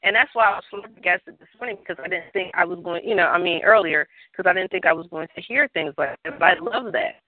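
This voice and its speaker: A woman's voice: fairly low pitch, quick pace, hardly any pauses. A woman guest in a casual chat, talking in an effusive, rambling way. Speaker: show guest. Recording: dry, tinny phone line.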